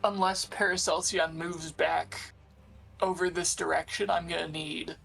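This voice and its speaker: A tabletop player mulls over a turn out loud, slow and level with a gravelly, creaky edge to the voice. Faint music sits under the talk. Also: mid-range voice, flat delivery. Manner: slow, unsure, thinking aloud. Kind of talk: tabletop game play.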